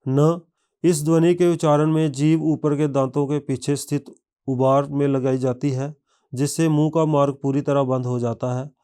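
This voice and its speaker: A man narrating a scripted language lesson, reading word lists one by one in a measured way. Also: on the high side, level tone, warm tone, clear, resonant tone. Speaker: language teacher.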